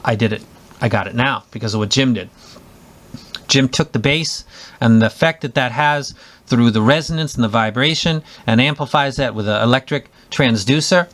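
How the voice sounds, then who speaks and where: A man's voice: mid-range voice, fairly bright tone. A man giving a casual spoken headphone review, enthusiastic and rambling, with many restarts and fillers.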